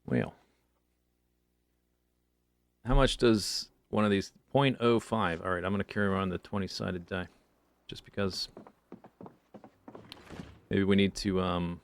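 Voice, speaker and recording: A man's voice: low voice, fairly even intonation, normal speed, long pauses, a little hiss or hum. A man streaming a video game, talking to himself in a loose, meandering way as he plays. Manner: muttering to himself, musing aloud. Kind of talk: casual gameplay commentary.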